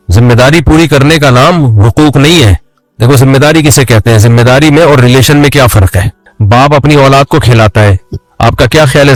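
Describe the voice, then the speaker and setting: A man's voice: mid-range voice, no room sound, low-quality recording. A man giving a religious lecture in a conversational way, often putting rhetorical questions to his listeners. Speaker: Islamic preacher.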